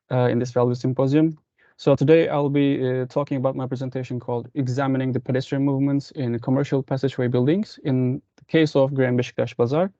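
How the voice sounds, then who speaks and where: A young Indonesian man, a master's student with an Indonesian accent, gives a formal academic presentation over a dull, lo-fi video call through his computer. His mid-range voice is warm, with no room sound.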